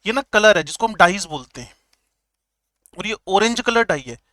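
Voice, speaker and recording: High, bright-voiced male chemistry teacher. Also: lively intonation, no room sound, studio quality. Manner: jokey, repeats key terms slowly. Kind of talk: classroom lecture.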